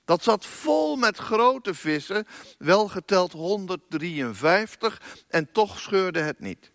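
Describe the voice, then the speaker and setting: Slow, lively-voiced man reading scripture. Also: sits high, dry recording, clean studio sound. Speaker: pastor. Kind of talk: Bible reading in a church service.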